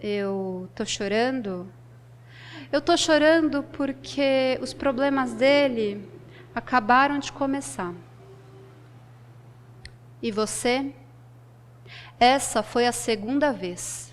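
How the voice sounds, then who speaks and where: A woman storyteller voicing an enchanted wife from the lake who speaks in steady, measured warnings. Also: fairly high pitch, big-room sound. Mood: calm.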